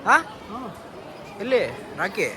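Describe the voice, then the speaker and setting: A young man vlogging casually outdoors, teasing his friends in quick banter. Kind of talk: casual travel vlog chat. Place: outdoors at a busy temple area and parking lot. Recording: busy crowd and street noise.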